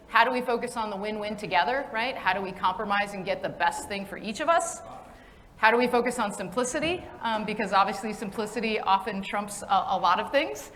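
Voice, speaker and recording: A woman hosting a conference breakfast welcomes the audience in an upbeat, friendly way, with fillers and restarts along the way. Her medium-pitched voice is fairly bright, and the recording has a long hall reverb plus a little hiss or hum.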